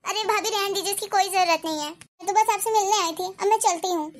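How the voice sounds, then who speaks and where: A woman's voice: extremely high pitch, fast talker. A woman voicing a sympathetic neighbor in a cartoon, speaking in a concerned, consoling way. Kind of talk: cartoon voice acting.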